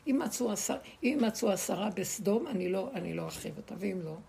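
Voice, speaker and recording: A woman's voice: mid-range voice, animated, vocal fry, dark tone. A woman leading a spiritual teaching for a small group, speaking emphatically, repeating her words and firing rhetorical questions at her listeners.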